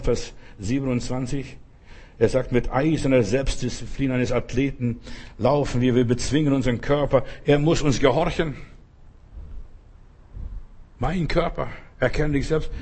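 Husky-voiced preacher. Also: male voice, medium pitch, darkish tone. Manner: emphatic, repeats phrases, addresses listener as du. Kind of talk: sermon.

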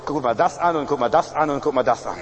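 A man's voice: mid-range voice, fast talker, big-room sound, a little hiss or hum, close to an everyday voice. A man voicing an overjoyed king proudly showing off his treasure rooms, in a gushing, repetitive way.

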